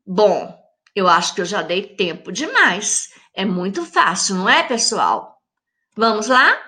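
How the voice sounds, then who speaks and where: A woman teacher with a Brazilian Portuguese accent, speaking to children at an unhurried pace. Her voice is bright and fairly high, and her pitch moves up and down a lot. She draws out example words slowly and talks to her pupils directly. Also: sing-song. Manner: slow, drawn-out syllables when saying example words; addresses young pupils directly, friendly teacher tone. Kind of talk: recorded classroom lesson for children.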